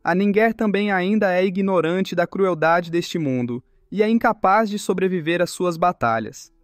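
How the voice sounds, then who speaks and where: A man's voice: high-pitched, moderate pace, no echo, clean studio sound, faint music behind, close to an everyday voice. A man voicing a humble, pleading old clan elder. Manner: earnest, formal pleading.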